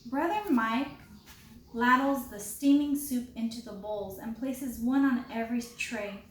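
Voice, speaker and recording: Teacher reading a picture book aloud. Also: female voice, on the high side, measured pace. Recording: roomy with faint background hiss.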